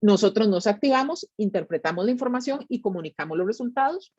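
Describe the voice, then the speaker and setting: A woman with a Costa Rican accent explains things like a specialist addressing the public. Her pitch is mid-range and her delivery is conversational, with little tag questions. The sound is dry and slightly muffled, as on a lo-fi recording. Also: lively intonation, fast, a little mellow, husky, dry recording. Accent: Costa Rican Spanish. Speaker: tsunami monitoring specialist giving a public talk. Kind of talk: explanatory educational presentation.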